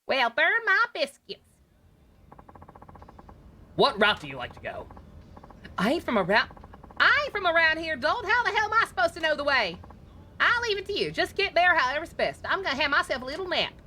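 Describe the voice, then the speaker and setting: A woman's voice: high-pitched, sing-song, normal speed, long pauses, sharp tone, a little hiss or hum, pitched above the performer's own voice, exaggerated voice. A woman voicing a brash, bossy woman taxi passenger from out of town, with a put-on Southern drawl. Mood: gruff. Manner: gruff, bossy, jokey.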